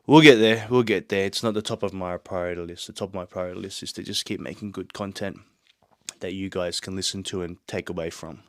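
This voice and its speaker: A man talks earnestly and motivationally in a casual solo episode of his own podcast, recorded in a small home studio, wandering into rambling asides. He has a sore throat and a blocked nose. His voice is low with a steady tone and a brisk pace, and the recording is dry.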